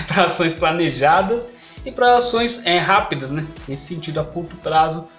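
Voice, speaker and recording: Man teaching over soft music. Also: a little high, unhurried. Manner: checks in often with "ok?" and "perfeito?". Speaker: English teacher. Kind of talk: online lesson.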